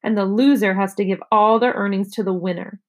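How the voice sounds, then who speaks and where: A woman's voice: medium pitch, fairly even intonation, brisk, darkish tone, lightly acted. A stubborn little girl who answers back with smug, sassy retorts, as a woman reading a storybook puts her on. She sounds sure she will win. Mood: scheming.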